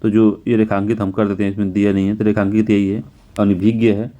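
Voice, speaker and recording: A man teaching a spelling lesson for an exam, going through test answers, repeating words slowly and correcting himself often. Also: fairly low pitch, little pitch movement, warm tone. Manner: repetitive, self-correcting, often says "ठीक है"; slows and stretches words to spell them out.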